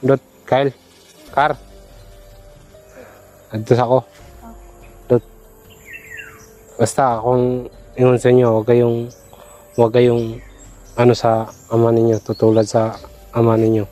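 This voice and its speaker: A man, talking casually in a vlog, soft-spoken and pleading as he coaxes. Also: medium pitch, little pitch movement, measured pace, pauses often, soft background music. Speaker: vlogger.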